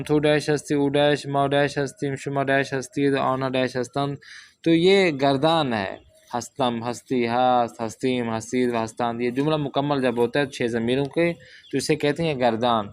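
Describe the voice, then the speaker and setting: A man teaching a Persian language lesson from a workbook, reading example sentences slowly and then explaining them step by step. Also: mid-range voice, level tone, clear, resonant tone.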